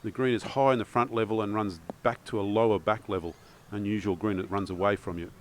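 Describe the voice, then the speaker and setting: A man's voice: fairly low pitch, fairly even intonation, fast, a little hiss or hum. A man with an Australian accent giving golf commentary.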